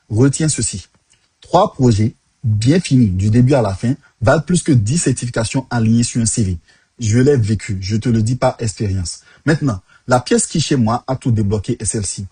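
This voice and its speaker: A man's voice: mid-range voice, animated, normal speed, mellow, slightly rough, dry recording. A man in his thirties with an African French accent, giving punchy, direct career advice to the viewer. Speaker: tech career coach. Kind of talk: direct-to-camera advice talk.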